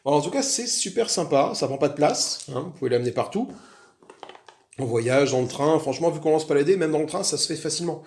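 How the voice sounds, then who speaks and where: A man's voice: a little high, lively intonation, fairly quick, darkish tone. A man chatting casually as he walks through a solo board game, rambling with frequent restarts. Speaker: board game video host.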